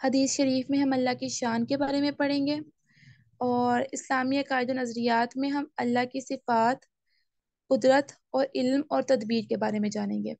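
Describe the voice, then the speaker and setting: Woman, Quran teacher, step-by-step explainer, high gravelly voice. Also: level tone, darkish tone, no room sound. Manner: slow, careful recitation of Arabic phrases; explains step by step, asks class to raise hands. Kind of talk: online class lesson.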